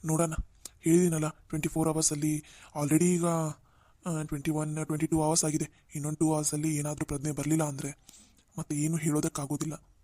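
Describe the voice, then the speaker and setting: A woman's voice: deep voice, little pitch movement, no echo. A woman doing a grave male cartoon doctor. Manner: measured, gently firm. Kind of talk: Kannada cartoon voice acting.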